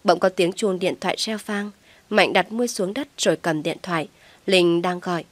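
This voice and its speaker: Female audiobook narrator, lowish voice, steady read, dry close sound. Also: normal speed, no echo. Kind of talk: scripted story narration.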